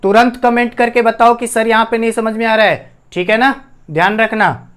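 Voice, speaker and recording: A man with a very high, steady, fairly bright and clean voice teaches Hindi grammar at normal speed. He uses a whiteboard in classroom style, calls the students "bhaiya," asks the class questions, and repeats every key term.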